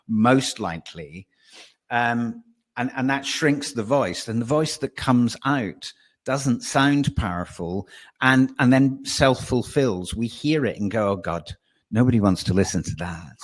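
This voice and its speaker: This webinar guest is a voice and presence coach walking through breathing and voice. Speaking at medium pitch, he is animated, keeps restarting and deliberately slows down to underline points.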